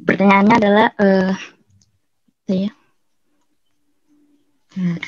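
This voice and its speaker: A woman's voice: mid-range voice, little pitch movement, slow, no room sound. A woman, a webinar participant, asking a question hesitantly with fillers over a video call. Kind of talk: casual question. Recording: dry, dull call audio.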